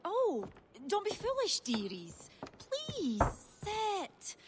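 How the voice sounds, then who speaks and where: A bossy colonial tavern keeper in a video game. Her voice sits high and leaps all over the place. The game audio carries a long reverb and clear background noise. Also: wildly swooping pitch, very slow, heavily acted. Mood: sugary. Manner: scolding then sweetly hospitable. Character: fiery woman tavern keeper, colonial era.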